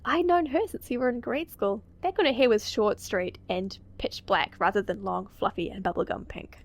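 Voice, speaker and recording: A woman reading a visual novel game aloud as a let's play, giggling and dropping quick, casual asides with some swearing. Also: medium pitch.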